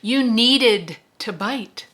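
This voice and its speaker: A woman reading aloud as a stern male gunslinger, calm and measured. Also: lowish voice. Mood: patient, stern. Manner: calm, measured, matter-of-fact.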